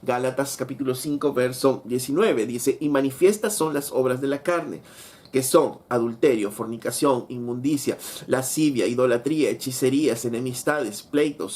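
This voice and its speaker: A man's voice: mid-range voice, darkish tone. A man preaching a sermon, reading scripture aloud and often asking rhetorical questions. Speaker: pastor.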